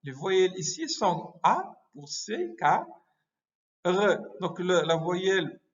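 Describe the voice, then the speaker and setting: A man giving a medical lecture, halting often with hesitations and self-corrections. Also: high-pitched, very animated. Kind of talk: explanatory lecture. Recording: muffled lo-fi recording.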